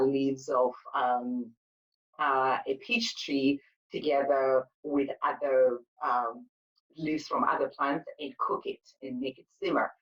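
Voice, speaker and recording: A Zimbabwean woman with a low-sitting voice, a spa owner who makes sugar paste, answers interview questions as a guest. She tells her story earnestly with frequent fillers, and the audio is dull with a distant mic.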